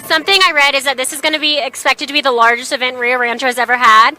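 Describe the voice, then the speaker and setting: A woman's voice: high-pitched, flat delivery, fast talker, sharp tone, soft background music. A young woman from Atlanta, Georgia, hosting upbeat street interviews outdoors and laughing often. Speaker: host.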